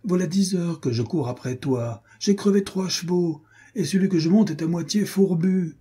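A man voicing a boisterous, swaggering young nobleman who is out of breath and talks in a loud, mocking tone. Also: medium pitch, normal speed, slightly rough. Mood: breathless.

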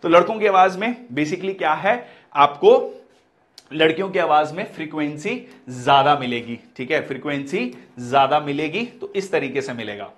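A man delivers an exam-prep physics lecture in a fairly high voice. He explains step by step, repeats key terms and checks in often with short confirmations. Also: animated, normal speed, fairly bright tone. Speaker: physics teacher.

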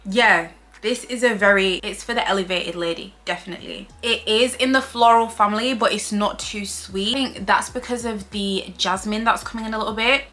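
Soft music plays behind a young beauty vlogger from Leeds, England, who chats casually to camera in her bedroom with a Yorkshire accent. She speaks at a normal speed in a pushed, bright, medium-pitched voice, bubbly and gesturing with her hands.

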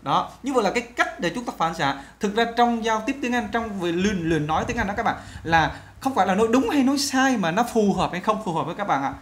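A woman teaching an online English lesson. She explains in Vietnamese, speaks straight to the viewers, and says English phrases slowly for learners to repeat. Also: medium pitch. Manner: addresses viewers directly and often.

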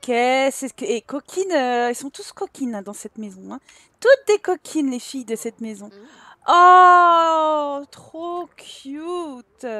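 A woman's voice: fairly high pitch, expressive, normal speed, dry recording. A young woman chatting casually over her gameplay, talking to her characters and giggling often. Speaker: gameplay YouTuber. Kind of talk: casual let's play commentary.

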